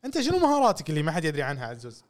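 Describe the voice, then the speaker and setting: A man hosting a casual podcast chat, playful and quick, slipping into English now and then. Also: a little high, huge pitch swings. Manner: playful, quick, slips into English and mimics accents. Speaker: podcast host.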